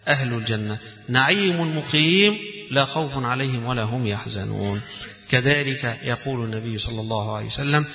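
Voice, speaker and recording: A man's voice: mid-range voice, brisk, sharp tone. A man with an Egyptian accent teaching a religious lesson on Quran readings, repeating phrases in an emphatic, recited cadence. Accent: Egyptian Arabic. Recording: echoey hall with faint music.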